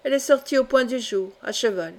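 A woman reading the part of a scheming male steward in a smooth, sly tone. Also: on the high side, steady tone, normal speed, darkish tone, lightly acted.

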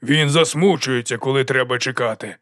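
A man's voice: medium pitch, moderate pace, fairly bright tone, no room sound, studio quality, close to an everyday voice. A man voicing a hulking male troll bouncer who talks bluntly and menacingly.

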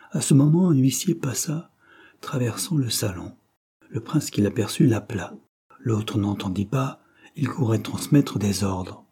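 A man narrating a romance novel in a measured, even storytelling manner. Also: on the low side, slightly rough. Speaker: audiobook narrator.

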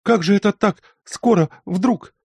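A man's voice: sits high, fairly even intonation, moderate pace, a little mellow, no room sound, studio quality, pitched above the performer's own voice, natural voice. A man voicing a flustered middle-aged lady of the house, exclaiming in a rush.

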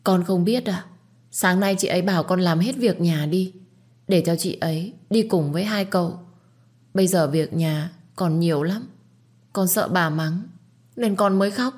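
A woman's voice: on the low side, moderate pace, darkish tone, close to an everyday voice. A woman voicing a scheming young girl who talks in a sweet, wheedling way. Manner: sugary, wheedling.

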